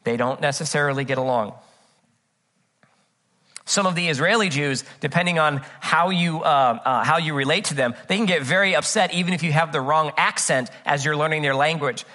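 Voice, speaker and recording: Guy pastor giving a casual sermon, kinda high bright voice, lots of uh uh fillers. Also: fairly quick. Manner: earnest and chatty, with frequent "uh, uh" fillers; tells personal anecdotes with humor. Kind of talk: conversational sermon with scripture reading.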